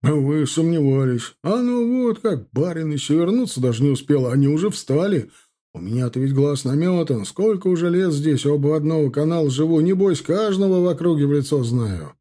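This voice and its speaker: A man voicing an excitable, boastful old grey-haired male house servant in an audiobook. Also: fairly high pitch, brisk, pitched above the performer's own voice. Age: older. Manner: loud, eager chatter.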